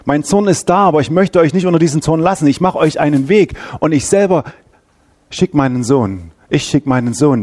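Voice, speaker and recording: A man's voice: medium pitch, darkish tone. A man voicing God as a grieving, wrathful yet loving father, speaking in emphatic repeated pleas. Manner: emphatic, repeating short pleading phrases.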